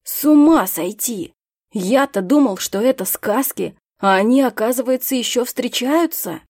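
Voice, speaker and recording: A woman voicing a cocky, excitable young male mage in an audiobook, eager and teasing. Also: mid-range voice, moderate pace, dry recording, studio quality, lightly acted. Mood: excited. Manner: eager, raised, mocking delivery.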